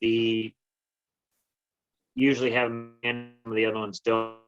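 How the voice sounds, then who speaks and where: Guy explaining heat pumps on a call, audio glitching and cutting out, muffled lo-fi, bright edgy voice. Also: on the low side, monotone, slow pace. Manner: explaining, hesitant, with fillers. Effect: glitchy audio cutting out, dropping words. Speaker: heat pump installer answering questions. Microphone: phone on a video call.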